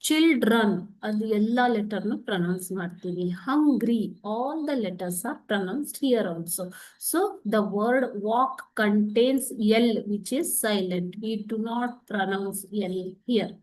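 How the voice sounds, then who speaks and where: Quick-talking woman with a Kannada accent. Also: medium pitch, a little mellow. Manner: clear, patient, stresses words one by one. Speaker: teacher. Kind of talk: classroom lesson explanation.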